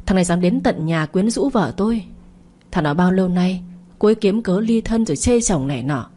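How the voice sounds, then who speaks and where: A self-pitying man who moans about being wronged by his wife, as a woman reading the story voices him. The voice is low and mellow, with a husky edge. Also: expressive, brisk.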